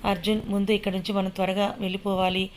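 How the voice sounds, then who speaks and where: A woman's voice: medium pitch, little pitch movement, fast, a little hiss or hum, lightly acted. Woman as young heroine, pleading, urgent, level voice.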